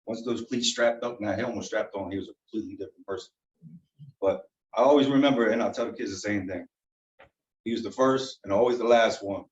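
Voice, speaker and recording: Man, youth coach, earnest tribute, low voice, dull sound, distant in an echoey room. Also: quick pace. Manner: earnest, with frequent ums. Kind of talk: public tribute at council meeting. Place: council chamber.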